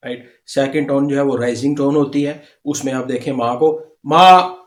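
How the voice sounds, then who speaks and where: Calm guy teaching a slide lesson, goes over things again and again. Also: mid-range voice. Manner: patient, repeats and explains step by step. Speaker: language teacher. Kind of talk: slide-based video lesson.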